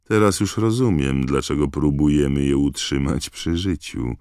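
An arrogant teenage boy drawls his words with cold disdain, as a man puts him on in an audiobook. The voice is deep and dry, recorded close, and the sneer stays in every line. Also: animated, extremely slow, creaky, no room sound, exaggerated voice.

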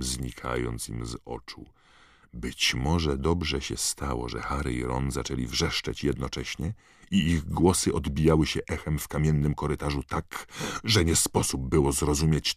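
A man reading a novel aloud as an audiobook narrator in a measured storytelling manner. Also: very deep voice, no echo, clean studio sound. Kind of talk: scripted narration.

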